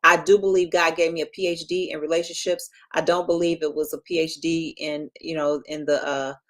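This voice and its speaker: Fifty-something lady coach chatting on a live stream, animated, low-ish voice, jokes at herself. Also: brisk. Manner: lively, chatty, self-deprecating asides. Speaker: relationship and marriage coach. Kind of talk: casual promotional live stream talk.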